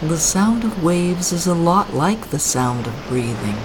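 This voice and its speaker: A meditation guide leading a guided relaxation with calm, gentle phrasing and long pauses between lines. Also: mid-range voice. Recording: clear ambient background noise.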